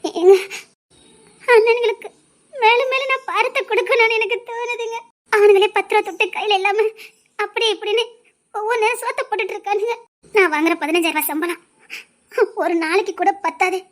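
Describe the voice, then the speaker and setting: A tearful young wife with a Tirunelveli accent, played by a woman. Her voice sits very high and breaks into sobs as she hesitates over her words. This is a family drama for a web series. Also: steady tone, fairly quick, fairly bright tone. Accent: Tirunelveli Tamil.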